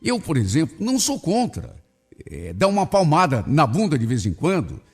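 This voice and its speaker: Husky man reading a dramatic tale. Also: on the high side, wildly swooping pitch, moderate pace, a little mellow. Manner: emotional, swinging between indignation and pity. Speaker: radio host reading a listener's story. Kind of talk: dramatic first-person story reading.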